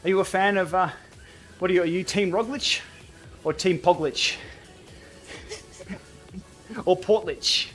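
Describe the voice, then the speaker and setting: A man's voice: sits high, unhurried, long pauses, fairly bright tone, soft background music. A man hosting a casual livestream, bantering and thinking aloud as he chats during an indoor cycling game. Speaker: livestream host.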